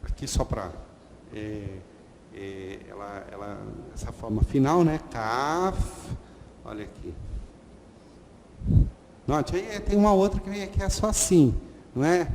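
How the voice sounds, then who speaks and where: A man teaching a lesson slowly and patiently, repeating sounds and checking in with "ok?". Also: medium pitch, lively intonation, darkish tone. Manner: slow, patient, repeats letter sounds, frequent "ok?". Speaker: Hebrew teacher. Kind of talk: online lesson at a whiteboard. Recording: long reverb and faint noise.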